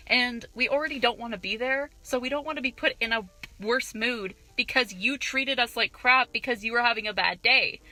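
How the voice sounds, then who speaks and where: Young woman vlogger, sharp bright tone, slightly high, indignant profane rant. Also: low-quality recording. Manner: profane, indignant, animated retelling. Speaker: vlogger, cashier. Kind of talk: ranting vlog storytelling.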